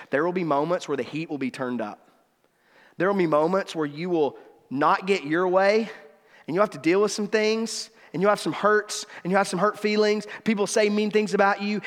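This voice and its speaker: A middle-aged man preaching a sermon as pastor, animated, swinging from loud outbursts to soft, low passages. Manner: animated storytelling, rising to shouts then dropping low and soft. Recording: long reverb of a large hall.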